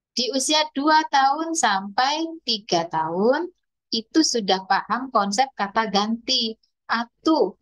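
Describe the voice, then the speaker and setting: A woman's voice: medium pitch, muffled recording. Woman explaining child speech milestones. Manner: explanatory, imitates toddler speech and animal sounds. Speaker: speech therapist. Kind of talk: lecture to parents.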